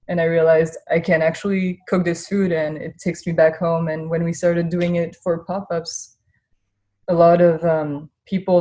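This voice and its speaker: A woman chef in her thirties from Singapore, talking reflectively in an interview with frequent pauses and fillers. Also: deep voice, dark tone. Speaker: chef and guest. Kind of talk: casual interview.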